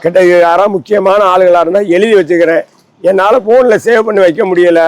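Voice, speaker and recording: High-voiced holy man preaching. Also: steady tone, brisk, dry recording, rough recording. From Tamil Nadu. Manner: preachy, rambling, aggrieved. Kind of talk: impassioned interview monologue. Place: outdoors under a tree.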